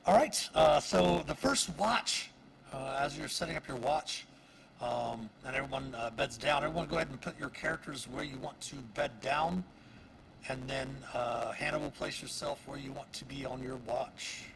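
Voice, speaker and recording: A man with a gravelly, creaky voice narrates as dungeon master of a tabletop game. He talks in halting runs full of fillers, and steady noise sits under the stream audio. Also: mid-range voice.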